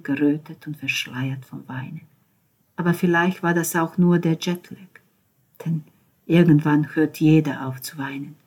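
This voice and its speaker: A woman reads a novel aloud, calm and measured, in a rather low voice. There is a husky, breathy grain to her tone that stays throughout the reading. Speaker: audiobook narrator. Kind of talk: scripted narration.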